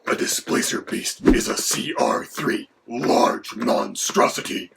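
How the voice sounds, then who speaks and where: A man doing a gravelly whispering dragon. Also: mid-range voice, slow. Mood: matter-of-fact. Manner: mock-menacing, then lecturing in turn with the host. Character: gravelly menacing male dragon, co-host. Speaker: co-host. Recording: background noise.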